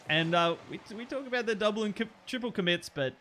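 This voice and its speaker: A man casting an online car-soccer match with excitable play-by-play commentary, breaking into laughter and jumping up on near misses. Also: high voice, moderate pace, slight background noise. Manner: excitable, laughs at plays, rises sharply on chances. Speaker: esports caster.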